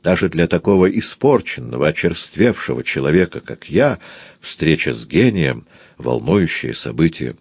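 A gushing, flattering music impresario of about forty, stout and cheerful, his words carrying a slight foreign tinge, as the man reading puts him on. The voice sits low yet swings widely in pitch. It is recorded close and dry. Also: normal speed, gravelly, breathy edge, dry recording, full character voice. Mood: effusive. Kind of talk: audiobook character reading.

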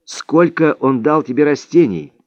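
A man voicing a stern old male Indian sage who speaks slowly and emphatically, scolding his student. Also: a little high, expressive, darkish tone, dry recording, muffled recording, voice pushed up. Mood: insistent.

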